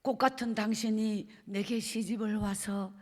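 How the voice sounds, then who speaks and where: A woman's voice: medium pitch, steady tone, measured pace, a little mellow, natural voice. A woman preacher with a Gyeongsang accent, voicing a dying older husband who tearfully begs his wife's forgiveness. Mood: pleading, remorseful. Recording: long reverb of a church hall.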